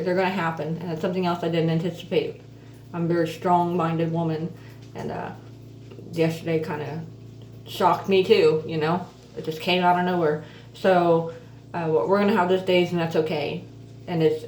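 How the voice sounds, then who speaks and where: A woman with missing front teeth and softly slurred F sounds gives a casual, halting, chatty update as an earnest vlogger. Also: on the low side. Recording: roomy echo, distant mic, faint noise.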